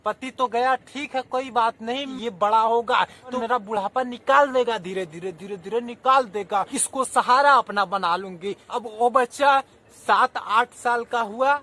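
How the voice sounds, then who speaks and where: Man telling a religious story, repeats lines a lot, really high bright voice. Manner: repeats phrases, addresses listeners as "Maharaj". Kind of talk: devotional story narration.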